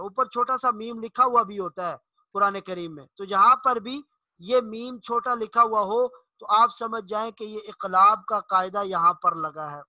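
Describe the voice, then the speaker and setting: A man with a very high, bright voice gives a slow, patient lesson on reciting the Quran. He stretches out each example word and says it again and again. His is clear, and the sound is dry and close, with no room echo. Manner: drawls example words slowly and repeats them.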